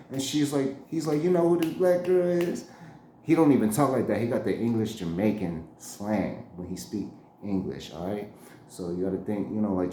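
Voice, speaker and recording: A man's voice: medium pitch, dark tone, slight background noise. Slangy man telling a story, roomy. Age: around 40. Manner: slangy, laughs often, acts out quotes. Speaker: storyteller, channel host. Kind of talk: casual storytelling. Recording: roomy echo.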